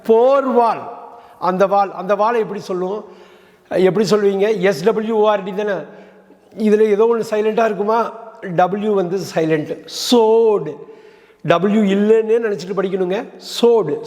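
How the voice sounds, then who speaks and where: A man's voice: high voice, moderate pace, a little mellow. A man teaching English pronunciation, spelling words out letter by letter and asking the listener rhetorical questions. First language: Tamil. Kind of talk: explaining pronunciation. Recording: long hall reverb.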